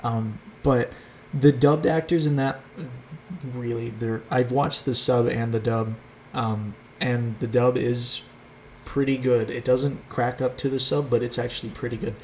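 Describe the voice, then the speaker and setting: A man's voice: medium pitch, fairly even intonation, unhurried, a little hiss or hum. Rambling young man hosting a casual chat. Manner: rambling, hesitant with many fillers and restarts. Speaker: host.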